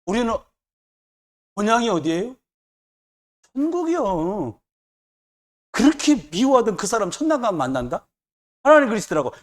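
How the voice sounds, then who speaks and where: A man's voice: high-pitched, very animated, normal speed, long pauses. A man preaching a sermon as pastor, emphatic and repetitive, with joking asides.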